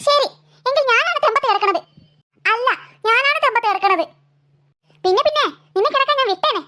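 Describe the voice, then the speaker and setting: Whiny bickering cartoon girls, voiced by a woman, very high, bright, fast. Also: expressive, full character voice. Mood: squabbling. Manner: whiny, stubborn squabbling. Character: bickering young daughters, stubborn and cheeky.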